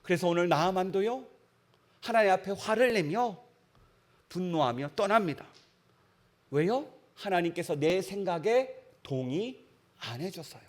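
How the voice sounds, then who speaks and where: High-voiced male pastor preaching emphatically. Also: expressive, moderate pace. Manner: emphatic, with many rhetorical questions to the congregation. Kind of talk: sermon. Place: church.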